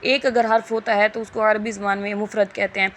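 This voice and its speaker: Woman teacher, patient and explanatory, mid pitch, slight background hiss. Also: little pitch movement. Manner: patient, explanatory, drawn-out letter sounds. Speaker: Quran reading teacher. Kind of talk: Urdu lesson lecture.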